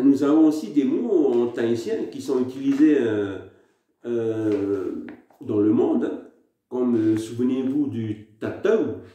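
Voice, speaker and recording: A man's voice: medium pitch, warm tone. A man from French Polynesia hosting a casual language lesson, explaining words one at a time with frequent hesitations. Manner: slow word-by-word explanations with hesitations. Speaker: language channel host. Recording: very echoey room.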